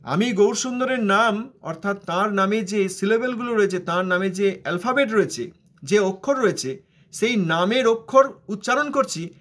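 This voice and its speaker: A man's voice: high-pitched, normal speed, a bit bright. A man with a Bengali accent giving a devotional discourse, explaining scripture and asking rhetorical questions. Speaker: religious teacher.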